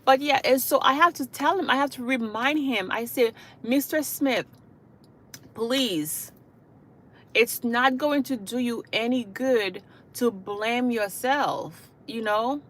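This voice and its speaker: A Haitian hospice caregiver who hosts a channel talks earnestly to viewers on a livestream, often checking in with "okay?" and "you know." Her fairly high voice is a bit bright, and she takes it slowly.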